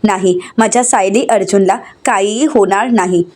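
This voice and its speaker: A woman's voice: medium pitch, normal speed, darkish tone, natural voice. A woman voicing a grieving, devoted middle-aged mother who speaks insistently and pleads.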